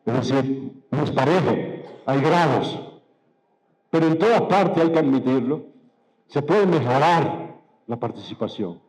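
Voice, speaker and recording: A man giving a political speech to party members, measured and emphatic, posing rhetorical questions and repeating key phrases. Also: mid-range voice, lively intonation, a little mellow, low-quality recording. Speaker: political speaker.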